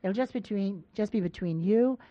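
A woman's voice: mid-range voice, moderate pace, mellow, dry recording. A woman hosting a radio call-in show, chatting casually and teasing her callers in a coaxing way. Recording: dull lo-fi radio broadcast sound.

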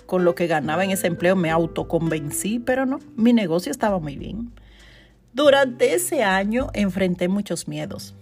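A chatty woman gives an upbeat coaching talk on her podcast. Her voice sits at a middle pitch, and she speaks with an animated delivery and frequent laughter. Soft guitar music plays faintly behind her. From Dominican Republic. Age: 40s. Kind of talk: motivational podcast monologue.

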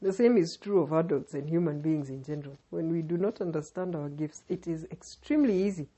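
Husky, mellow Kenyan woman podcast host. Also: deep voice, fairly quick. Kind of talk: scripted spiritual podcast narration.

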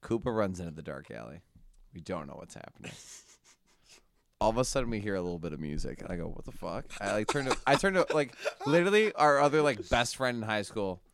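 Animated young man telling a story. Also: lowish voice, brisk, a little hiss or hum. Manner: animated, laughing, swears a lot. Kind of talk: casual storytelling.

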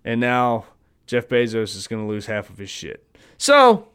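A man with a lowish, clear, resonant voice hosts his own podcast from home, sitting at his phone. His intonation stays fairly even and his speed is normal as he rants in a casual, profane, rambling monologue, mock-stammering the people he imitates.

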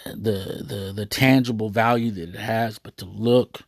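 Gravelly man, rambling and earnest. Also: on the low side, steady tone, a little slow, no echo, studio quality. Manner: rambling, hesitant, heavy on fillers; earnest, proud. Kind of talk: casual monologue to viewers.

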